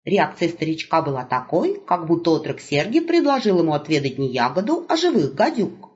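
Expressive woman reading a storybook. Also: low-pitched, a little fast. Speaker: audiobook narrator. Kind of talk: storybook narration. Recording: muffled lo-fi recording.

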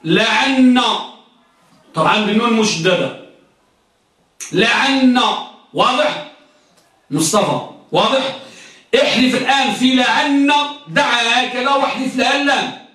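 A man with a high, bright voice teaches grammar to a classroom, firing questions at his students and drilling each rule again and again. He is picked up from a distance, and the bare room rings with echo around him. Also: normal speed. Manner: quizzes students, repeats and drills points. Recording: echoey classroom recorded from afar.

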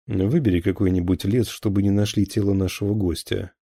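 A man's voice: low voice, steady tone, fairly quick, vocal fry, warm tone, husky, no room sound, studio quality, heavily acted. A man voicing a hard middle-aged male lieutenant colonel who gives curt questions and orders. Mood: cold, pressing.

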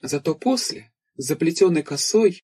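A man reading an audiobook in steady, measured scripted narration. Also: a little high, breathy edge.

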